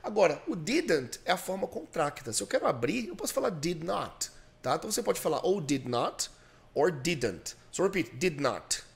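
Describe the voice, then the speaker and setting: A man's voice: fairly high pitch, big pitch swings, normal speed, creaky. A man with a Brazilian Portuguese accent hosting a podcast and teaching English grammar, patiently explaining and drilling repetitions. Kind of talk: bilingual English lesson.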